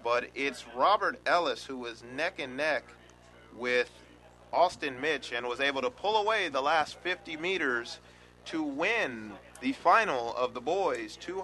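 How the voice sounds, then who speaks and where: A man's voice: mid-range voice, a little slow. A man with an American accent calling track races live as a play-by-play announcer. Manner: excited, rising calls during the race. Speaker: race caller, play-by-play announcer. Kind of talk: live race caller commentary on track and field. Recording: crowd noise behind the voice. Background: stadium crowd.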